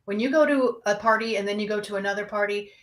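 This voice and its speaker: Candid woman counselor, young adult, mid-pitched, easy conversational delivery. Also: fast talker. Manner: candid, conversational, speaks to a live audience. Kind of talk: casual talk on anxiety.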